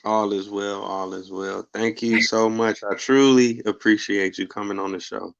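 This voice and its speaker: Man, podcast host, very deep voice, slightly muffled lo-fi sound, laid-back. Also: steady tone, normal speed, creaky. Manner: laid-back, frequent fillers. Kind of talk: casual interview.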